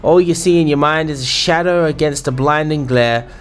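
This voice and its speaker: A man's voice: fairly high pitch, normal speed, clear, resonant tone, faint music behind, pitched above the performer's own voice, lightly acted. A man voicing a boisterous, bawdy male sailor innkeeper in a put-on English pirate accent, full of salty slang. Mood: jovial. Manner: salty slang, rambling banter.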